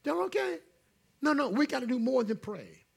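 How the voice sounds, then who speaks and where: A man preaching to his church in a husky, breathy voice that sits high for a man. He calls out to the congregation and drops to near whispers, working the room in a call-and-response style. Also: sing-song, moderate pace. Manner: call-and-response preaching, swings from loud to hushed. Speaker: pastor. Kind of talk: sermon.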